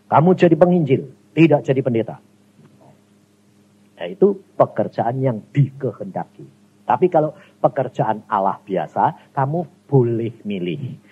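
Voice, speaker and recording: This is a man preaching. His husky, raised voice climbs to sharp exclamations and drops to near murmurs as he questions his congregation. The recording sounds dull and lo-fi. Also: unhurried. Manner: animated, swings between high exclaims and low murmurs, addresses congregation directly. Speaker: evangelist preacher. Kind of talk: sermon.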